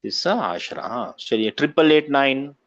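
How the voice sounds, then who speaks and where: A man's voice: mid-range voice, animated, moderate pace. A man teaching an online grammar class, often asking his students to confirm they follow. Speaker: Arabic teacher. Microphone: video call. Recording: muffled lo-fi call audio.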